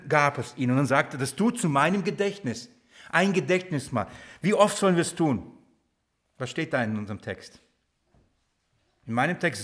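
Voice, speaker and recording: A male preacher with a slightly high voice gives a lively sermon to his congregation. He keeps asking them questions and drops to a quiet, urgent tone for emphasis.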